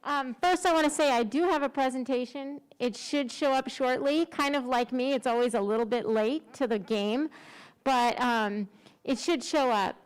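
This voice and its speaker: Clear-voiced woman presenting through a face mask. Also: high voice, moderate pace. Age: middle-aged. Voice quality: slightly muffled, speaking through a face mask. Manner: informal, self-deprecating. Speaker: special education director presenting. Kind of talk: conversational conference presentation.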